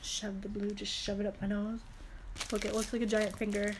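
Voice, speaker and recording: A young beauty vlogger with a head cold and stuffy nose rambles chattily through a product haul with many fillers, filming in a small room on a phone camera held close. Her mid-range voice shows little pitch movement, her pace is moderate, and the background is noisy.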